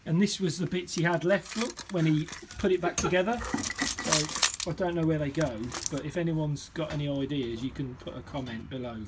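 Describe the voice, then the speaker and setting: A man's voice: on the high side, fairly even intonation, normal speed, hardly any pauses, very noisy. A man chatting casually with a friend, teasing with dry humour. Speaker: friend and co-presenter. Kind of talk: casual chat.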